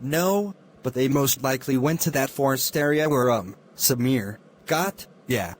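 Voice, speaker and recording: A man plays an ordinary neighbour in a murder mystery film. He gives an unsure witness statement in a mid-pitched voice, recorded with faint noise behind it. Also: lively intonation, measured pace, natural voice. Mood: hesitant.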